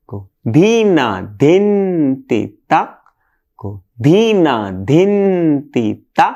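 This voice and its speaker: A man teaching mridanga, explaining technique and chanting the drum syllables in rhythm. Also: on the high side. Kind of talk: music lesson with spoken drum syllables. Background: mridanga drum playing.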